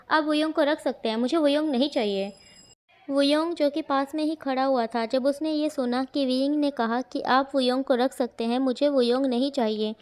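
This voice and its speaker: A woman reading fan fiction aloud in a steady, emotional storytelling manner. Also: high voice.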